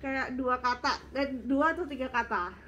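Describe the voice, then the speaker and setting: A young woman vlogger works casually through viewer questions in a high-pitched, slightly bright voice at normal speed. She sounds congested and a little nasal, and she's somewhat short of breath.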